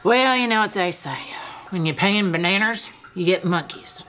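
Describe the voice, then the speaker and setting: A woman's voice: medium pitch, expressive, moderate pace, music in the background, close to an everyday voice. A woman playing a stern, exasperated fairground security worker in a comedy sketch. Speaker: fairground staff.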